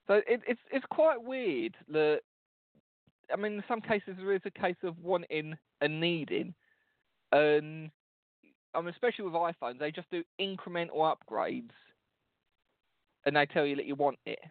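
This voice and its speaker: A man with a slightly high voice rambles politely and hesitantly in a deadpan, casual way. He sounds like a prank caller improvising as he goes. The sound is dry and thin, like a phone line. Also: normal speed, long pauses, dry recording.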